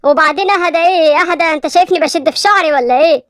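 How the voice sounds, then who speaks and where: A woman's voice: extremely high pitch, racing, fairly bright tone, dry recording, studio quality. A woman voicing a hot-tempered rich young man of twenty-five with an Egyptian accent, snapping and scornful. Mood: angry. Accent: Egyptian Arabic.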